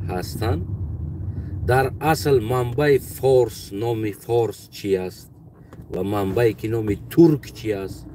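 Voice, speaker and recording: A man with a Tajik accent talking in a casual monologue, halting and often pausing to search for his words. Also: fairly low pitch. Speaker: commentator. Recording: distant mic with loud outdoor traffic noise.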